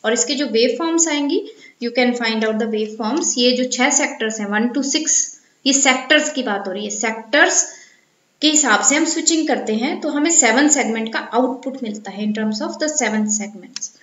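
A woman's voice: on the high side, normal speed, fairly bright tone. A woman lecturer with an Indian accent, explaining an engineering topic step by step and mixing technical English terms into her talk. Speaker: university lecturer. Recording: echoey, dull lo-fi room recording.

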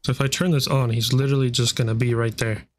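A man's voice: mid-range voice, level tone, fast. A young man doing nervous horror game commentary, muttering and swearing to himself like a scared streamer. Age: young adult. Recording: clearly noisy, game ambience behind.

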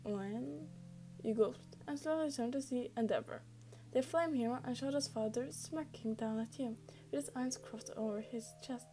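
A woman's voice: fairly high pitch, moderate pace, hardly any pauses, warm tone, soft background music. A woman casually reading a fan story aloud, chatty, with frequent slips and restarts. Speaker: fan fiction reader.

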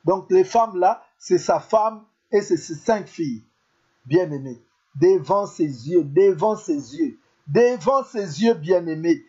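A man's voice: high voice, dark tone, husky. A man preaching a sermon as a pastor, emphatic and repetitive, calling out to his listeners over and over. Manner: emphatic, repetitive, calls out "beloved" constantly. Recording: dull lo-fi sound.

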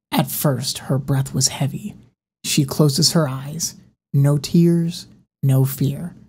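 Woman narrator for a horror audiobook: low, husky, even and unhurried.

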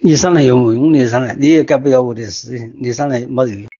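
A man's voice: medium pitch, quick pace, mellow, husky. An older man with a Wuhan accent, distraught and agitated, speaking insistently and repeating himself in informal voice messages. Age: older, near retirement. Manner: agitated, insistent, repetitive pleading and warning. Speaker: resident leaving voice messages in a group chat. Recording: muffled lo-fi phone voice messages.

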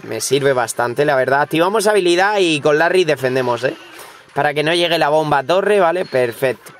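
Hoarse young Spaniard with a cold. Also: male voice, a little high. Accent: Spain Spanish. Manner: swears freely, talks straight to viewers. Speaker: gaming YouTuber. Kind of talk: live gameplay commentary.

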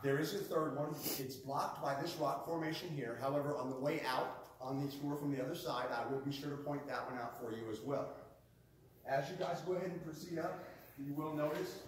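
Pitched a little high and talking a little fast, a man guides a group through an underground cavern with narrow passages, narrating informally in a folksy storytelling style and giving courteous directions. The distant phone mic, held by a visitor several metres away, picks up cave echo and faint noise.

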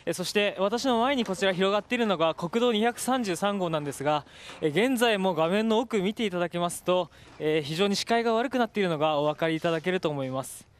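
High-voiced man giving a live report. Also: expressive, fast. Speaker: field reporter.

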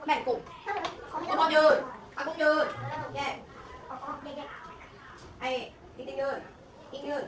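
A woman's voice: sits high, steady tone, slow pace, long pauses. A woman teaching a phonics lesson to young children in a classroom, patiently prompting and repeating each word back to them. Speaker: primary school teacher. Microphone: room recording from a distance. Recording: echoey classroom from far off with background noise.

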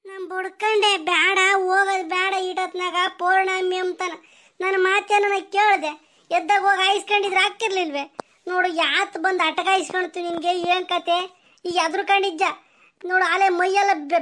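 A woman playing a squeaky fretful village wife. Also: fairly bright tone. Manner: nagging, fussing, pleading questions. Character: fretful rural village wife, scolding and consoling.

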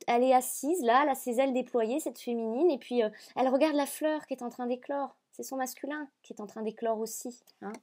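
A woman with a French accent gives a gentle spiritual reading straight to the listener. Her voice sits a little high, and she speaks softly and haltingly, repeating her phrases and pausing on fillers as she goes. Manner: soft, repetitive, hesitant, with many fillers. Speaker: spiritual card reader. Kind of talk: channeled reading, addressing viewer.

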